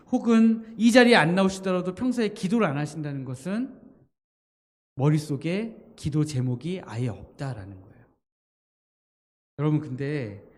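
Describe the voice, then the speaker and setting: A man's voice: fairly high pitch, darkish tone. A man, a pastor, preaching a sermon at an evening church meeting, often acting out earnest prayers that swing between pleading and urging. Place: church sanctuary during an evening revival meeting. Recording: long church hall reverb.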